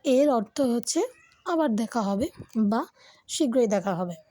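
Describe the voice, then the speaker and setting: A young woman from Bangladesh teaches beginner French, slowing down to sound out each word clearly. Her voice sits a little high and has a husky, breathy edge. She talks to learners in a friendly, step-by-step way. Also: animated, dark tone, dry recording, poor audio. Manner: slow, careful pronunciation of each word; addresses learners informally, step by step. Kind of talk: beginner language lesson.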